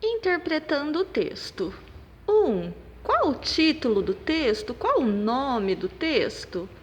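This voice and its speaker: A woman teaches young children in a slow, patient lesson. Her voice is fairly high and swoops up and down as she calls out words and stresses each strong syllable. The sound carries a long reverb, as if in a bare hall. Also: sing-song. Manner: slow, clapping out syllables and stressing them loudly. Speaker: primary school teacher. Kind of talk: recorded remote lesson for children. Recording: long reverb, room echo.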